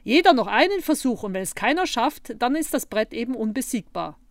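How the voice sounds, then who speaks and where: A woman's voice: fairly high pitch, very animated, a little fast, no echo, clean studio sound, voice pushed up. A woman voicing an eager, friendly kid in a storybook reading.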